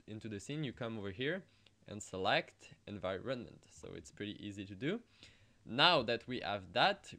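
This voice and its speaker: A young man with a French accent, hosting a screen-recorded software tutorial, hesitant and full of fillers and restarts. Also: fairly low pitch. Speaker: tutorial host.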